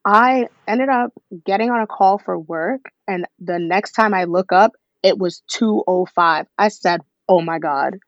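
A woman's voice: medium pitch, a little slow, hardly any pauses, dry recording. A woman chatting casually and telling stories as a panellist on a podcast. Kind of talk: casual chat, storytelling. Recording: dull, dry, lo-fi microphone sound.

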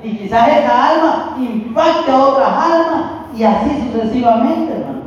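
A man preaching a sermon slowly and haltingly, often calling the listeners "hermano". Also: extremely high pitch, animated, slight background noise. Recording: distant, echoey hall, muffled.

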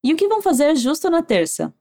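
A woman with a Brazilian Portuguese accent teaching Spanish, giving clear, encouraging instructions and modeling phrases slowly for the listener to repeat. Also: high-pitched, very animated, dark tone. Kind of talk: language lesson narration with repeat drills.

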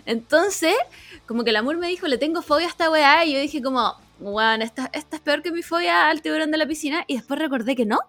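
A young woman with a Chilean accent, chatting casually as a podcast co-host, full of swearing and animated storytelling. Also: sits high, fast talker, dry recording. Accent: Chilean Spanish. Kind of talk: casual chat.

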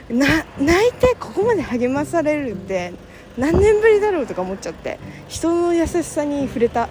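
Chatty young woman, high lively voice. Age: young adult. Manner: chatty, gushing, lots of fillers. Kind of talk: casual monologue. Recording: noisy background with passing vehicles.

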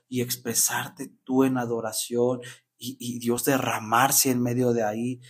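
Husky man preaching with passion. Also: mid-range voice. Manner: passionate, repeats "¿verdad?" often. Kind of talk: devotional teaching.

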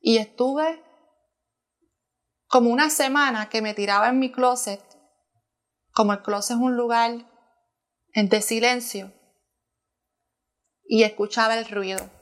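A woman's voice: a little high, unhurried, long pauses. A woman sharing a personal testimony as a church planter in conversation, earnest and emotional, often restarting her sentences.

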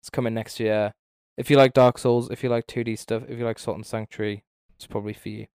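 Guy rambling about video games, swears a lot, smooth clear voice, dry close sound. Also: medium pitch, level tone, fast, darkish tone, no echo. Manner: sweary, rambling, blunt opinions. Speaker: podcast co-host. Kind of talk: casual gaming chat.

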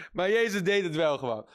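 Lively, laughing preacher man. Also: fairly high pitch. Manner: jokey, laughs often, reads scripture aloud; lively and emphatic. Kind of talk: sermon.

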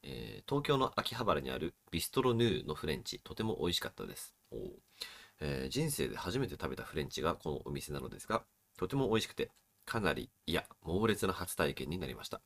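A man co-hosting a casual podcast, reading listener letters aloud with quick, expressive delivery and frequent laughter. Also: a bass voice, creaky, no echo. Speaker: podcast co-host.

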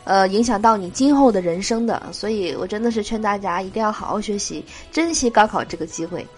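A woman's voice: medium pitch, fairly quick, soft background music. A woman hosting a joke show, reading jokes aloud with a nasal voice from a cold and laughing at her own punchlines.

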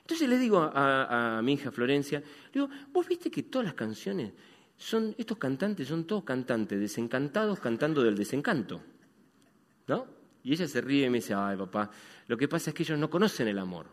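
Rioplatense male pastor, lively preaching, reverberant church hall. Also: medium pitch, moderate pace. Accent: Rioplatense Spanish. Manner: animated preaching, swings between loud and hushed. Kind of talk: sermon.

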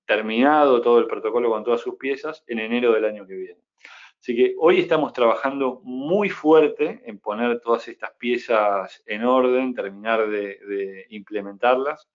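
Man explaining tech, dull lo-fi audio. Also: medium pitch. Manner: measured, technical, many restarts. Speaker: guest, crypto project founder. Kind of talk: explanatory interview answers.

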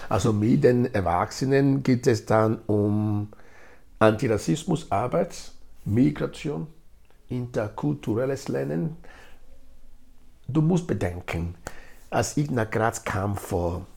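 Taking it slowly in a medium-pitched, creaky and slightly mellow voice, a middle-aged interview guest from Nigeria, whose first language is Edo, gives explanatory answers and repeats words for emphasis. He leads an integration project.

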